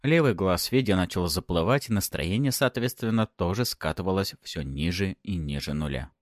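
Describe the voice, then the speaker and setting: Low-voiced man narrating with sarcasm. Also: lively intonation, moderate pace, dry recording, clean studio sound. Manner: sardonic, mocking. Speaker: audiobook narrator. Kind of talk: first-person audiobook narration.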